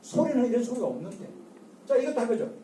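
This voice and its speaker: Older lecturer, mellow tone, quizzing the class with repeated questions; picked up from a distance in a reverberant room. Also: mid-range voice, sing-song, fast, slight background noise. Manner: drills the audience with call-and-response and repeated rhetorical questions. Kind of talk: public lecture. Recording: echoey lecture room from far off.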